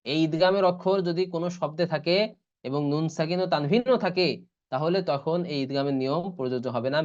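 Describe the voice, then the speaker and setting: A man teaching Quran recitation rules in an online class, spelling out letters and vowel marks one by one and chanting the examples slowly. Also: on the high side, darkish tone. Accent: Bangladeshi Bengali. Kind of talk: online tajweed lesson. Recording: dull lo-fi online class audio.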